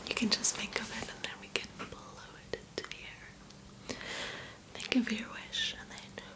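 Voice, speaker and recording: A woman doing a whispered role-play as a spa massage host, speaking in a soft, soothing, gentle whisper. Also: measured pace.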